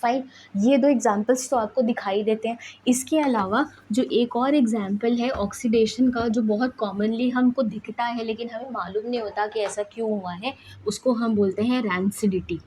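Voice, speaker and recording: A woman's voice: fairly high pitch, fairly even intonation, normal speed, a little mellow, a little hiss or hum, low-quality recording. A woman science teacher giving a lecture, who asks questions and then answers them herself, slipping into English phrases. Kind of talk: classroom lecture.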